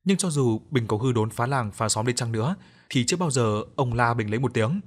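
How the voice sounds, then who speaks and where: A man reading a ghost story aloud in steady, measured scripted narration. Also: medium pitch.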